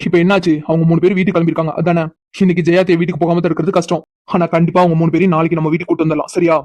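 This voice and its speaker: A cocky, stubborn young man in a cartoon story, voiced by a woman, who teases and mocks without letting up. He speaks very fast in a low, flat, mellow voice. The recording is dry and close. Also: no echo, lightly acted. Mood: teasing. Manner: teasing, insistent, mocking. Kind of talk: cartoon voice acting.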